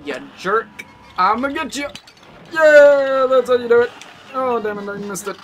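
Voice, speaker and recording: A let's play gamer giving excitable gameplay commentary and exclaiming often while playing. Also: mid-range voice, a little slow, soft background music.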